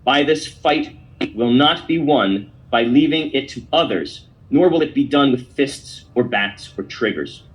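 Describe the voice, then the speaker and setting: A male podcast host with a voice of ordinary middle pitch, delivering pointed commentary. He reads verse aloud with heavy emphasis, leaning hard into each line like a speech. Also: expressive, a little slow, low-quality recording. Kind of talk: opinion commentary and poem reading.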